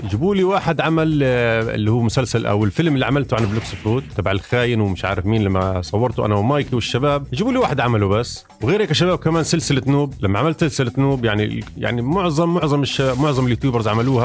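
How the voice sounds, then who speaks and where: A man giving casual, rambling gameplay commentary, chatting to his viewers as he plays. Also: medium pitch. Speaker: gaming YouTuber.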